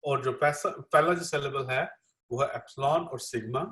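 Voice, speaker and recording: A man's voice: medium pitch, normal speed, pushed and bright. A man interpreting a classroom lecture live, repeating each line with many fillers. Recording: echoey room.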